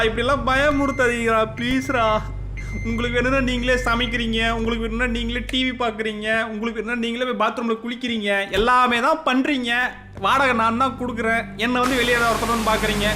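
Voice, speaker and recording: A man's voice: extremely high pitch, background noise. A man hosting a let's-play of a horror game, panicking and scolding the game's ghosts aloud as he goes. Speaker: gaming channel host. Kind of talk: let's-play gaming commentary. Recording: game music playing behind the voice.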